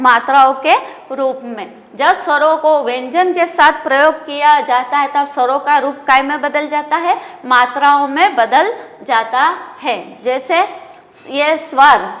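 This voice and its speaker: A woman school teacher giving a lesson in a slow, deliberate way, asking questions and answering them herself. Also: sits high, a bit bright, big-room sound. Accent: Indian Hindi.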